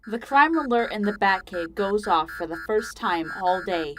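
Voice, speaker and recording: Over music, a woman narrates a story from a script, her delivery dramatic, measured and deliberate. Her voice sits at a medium pitch and is expressive.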